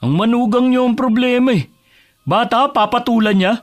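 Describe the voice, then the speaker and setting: A man's voice: very high voice, moderate pace. An actor playing a defensive young father arguing with his sister-in-law and mother in a horror audio drama. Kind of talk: Filipino radio-style horror drama acting.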